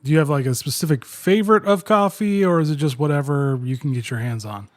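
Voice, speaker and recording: A man with a fairly high voice hosts an interview podcast. He reads the intro like a script and then asks short, plain questions. The recording is dry and close, with no room sound. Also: quick pace, no echo. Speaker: podcast host.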